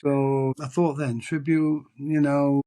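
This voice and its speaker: Slow and flat, a middle-aged English tribute singer talks in a relaxed interview, rambling and restarting while running himself down. His voice is husky and mellow, pitched fairly high.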